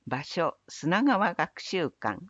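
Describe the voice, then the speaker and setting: A woman reading municipal event announcements in a measured, even recital of dates, places and phone numbers. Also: lowish voice, no room sound, dull audio. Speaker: city announcer. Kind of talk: scripted public announcement reading.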